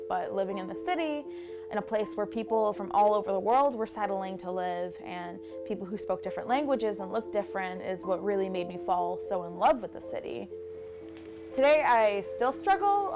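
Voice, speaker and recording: A woman in her twenties from the Buffalo area, giving candid, reflective personal testimony for a documentary. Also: mid-range voice. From Buffalo area, New York, USA. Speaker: documentary interviewee. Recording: music bed under the voice. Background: background music.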